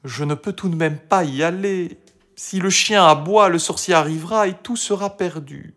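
A man's voice: high-pitched, moderate pace, fairly bright tone, voice pushed up. A man voicing a timid young girl who is losing her courage and talks anxiously. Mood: fearful. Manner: anxious, hesitant.

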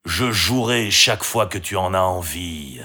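Sad, gentle storybook dragon, low and slow, begging forgiveness, read by a man. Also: animated, heavily acted. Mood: lonely, remorseful. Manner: sad, pleading. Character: lonely locked-up male dragon, remorseful and gentle.

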